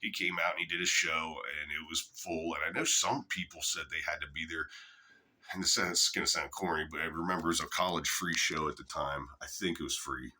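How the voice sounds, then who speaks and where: Deep-voiced rambling middle-aged man. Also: fairly even intonation, brisk, sharp tone. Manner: rambling, swears freely, loose and conversational. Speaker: channel host. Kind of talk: casual storytelling to camera.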